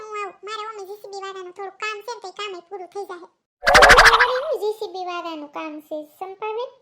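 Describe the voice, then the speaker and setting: A pack of shrill, bossy village women in a cartoon, with a Kathiawadi accent. The voice sits sky-high and bright, racing along as it nags and hollers. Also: female voice. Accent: Kathiawadi Gujarati. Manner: shrill, quick, nagging and shouting. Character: loud bossy village women, middle-aged, scolding. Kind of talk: cartoon comedy voice acting.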